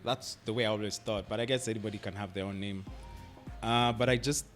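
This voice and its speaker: Faint music runs behind a young Kenyan actor's lowish, brisk voice as he guests on a radio interview. The talk is casual and relaxed; he laughs frequently and uses "like" and "I mean" constantly.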